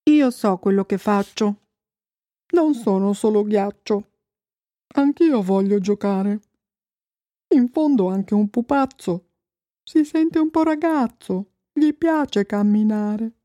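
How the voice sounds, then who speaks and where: Sad misunderstood snowman, read by a woman, plaintive rhymes, slow, storybook. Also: medium pitch, lively intonation, warm tone, dry recording. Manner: plaintive rhyming recital.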